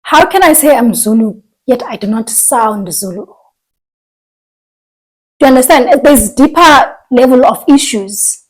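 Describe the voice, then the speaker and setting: A woman's voice: high voice, expressive, measured pace, slightly rough, poor audio. A woman from Africa, co-hosting a casual podcast chat and thinking aloud with frequent restarts. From southern Africa, living in South Africa. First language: a southern African language. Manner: thoughtful, trails off and restarts mid-thought. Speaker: podcast co-host.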